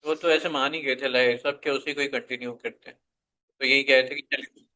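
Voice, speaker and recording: A man moderating a live debate, pleading with a guest to stay civil. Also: mid-range voice. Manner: pleading, calming, urging civility.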